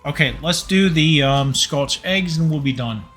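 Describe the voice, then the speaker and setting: A man's voice: a little high, animated, measured pace, a bit bright. Slightly drunk guy rambling to his stream chat while cooking, faint guitar playing in the back. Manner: rambling, talks to chat viewers. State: tipsy. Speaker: livestream host cooking. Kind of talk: casual livestream chat. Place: home kitchen.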